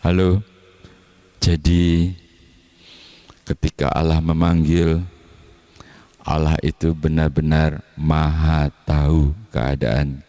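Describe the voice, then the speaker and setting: A man preaching a sermon at a church service in a relaxed, conversational way. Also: very deep voice. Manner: relaxed conversational preaching, acting out quoted dialogue. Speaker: pastor.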